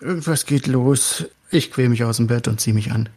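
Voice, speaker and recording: Mid-pitched man in casual role-play. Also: normal speed, darkish tone, slightly rough. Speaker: tabletop game player.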